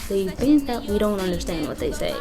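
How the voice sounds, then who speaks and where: A woman's voice: medium pitch, very animated, a little fast. A young woman from Kenya, talking earnestly and reflectively in a casual interview at a community center. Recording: music playing under the voice.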